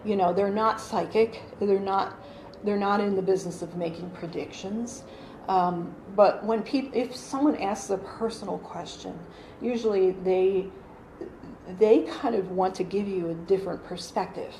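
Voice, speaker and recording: At a measured pace, a woman in her forties with a medium-pitched, darkish voice talks through her channeling for a small living-room audience. Her manner is chatty, with frequent fillers and restarts. The recording, made on a phone camera across the room, is roomy with a faint hum.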